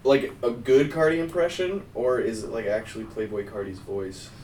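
A man's voice: mid-range voice, animated, moderate pace, a little mellow, slight background noise. Easygoing young male podcast co-host. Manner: easygoing, laughs often. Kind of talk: casual chat. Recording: roomy sound, mic at a distance.

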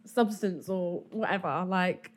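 Slightly low-voiced woman, casual podcast guest. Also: takes it slowly, faint music behind. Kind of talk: casual chat.

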